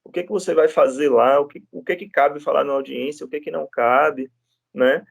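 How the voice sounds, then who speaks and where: Male lecturer, higher register, relaxed storytelling with many tag questions. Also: normal speed, vocal fry, dry recording. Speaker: law lecturer. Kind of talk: classroom lecture with anecdotes.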